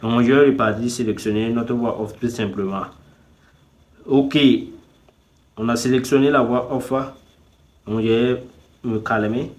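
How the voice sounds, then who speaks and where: A man at a middle pitch gives a relaxed, chatty walkthrough of a website. He narrates each click as he goes and keeps falling back on the same filler phrase. Now and then he turns to his viewers with playful nudges. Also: a little slow, pauses often. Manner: repeats "tout simplement" constantly; talks straight to viewers, teasing them to subscribe. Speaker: YouTube tutorial host. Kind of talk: casual screen-recording tutorial.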